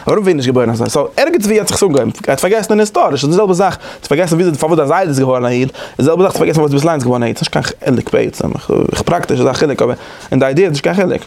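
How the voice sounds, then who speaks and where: A man leading a class discussion in an informal study-group lecture. He talks in a halting way, restarting and repeating words often, and turns animated and emphatic. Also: on the high side, vocal fry.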